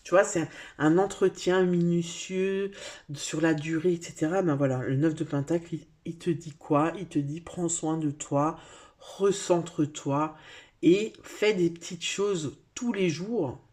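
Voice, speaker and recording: A woman's voice: lowish voice, steady tone, measured pace, darkish tone. A woman giving a casual tarot reading, speaking straight to the viewer in a chatty way with many fillers. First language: French. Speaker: tarot card reader.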